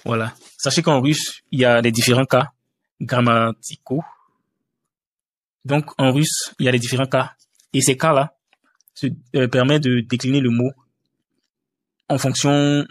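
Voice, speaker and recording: A man's voice: mid-range voice, no echo, clean studio sound. A man teaching a language lesson over a screen-share tutorial, hesitant, with many fillers and restarts.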